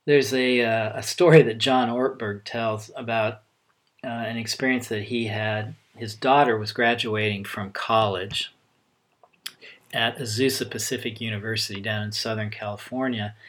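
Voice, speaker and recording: A middle-aged man giving a sermon as a pastor, speaking conversationally with frequent halting pauses. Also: lowish voice, steady tone, fairly bright tone.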